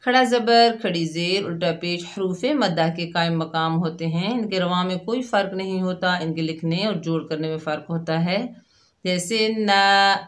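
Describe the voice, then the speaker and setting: A woman teaching Quran recitation rules step by step, explaining each letter and then sounding out the syllables slowly. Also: on the low side, steady tone. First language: Urdu. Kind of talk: slow step-by-step tajweed lesson.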